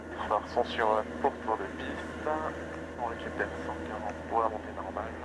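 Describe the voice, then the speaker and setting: A man's voice: on the low side, steady tone, normal speed. A man flying a small plane, talking casually over a pilot headset in the cockpit. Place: small light aircraft cockpit in flight. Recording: cockpit headset audio with very loud engine noise.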